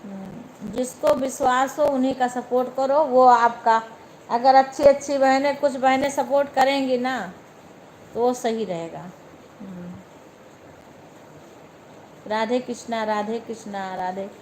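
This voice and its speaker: A woman's voice: fairly high pitch, fairly even intonation, unhurried, long pauses, a little mellow, slight background noise, poor audio. A young woman with an Awadhi accent hosting a phone live stream, chatting casually and speaking straight to her viewers by name.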